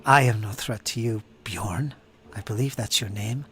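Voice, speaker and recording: A man voicing a calm, friendly elf maiden. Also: lowish voice, normal speed, voice pushed down, lightly acted. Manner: calm, courteous, at times whispered. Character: friendly tattooed female elf adventurer.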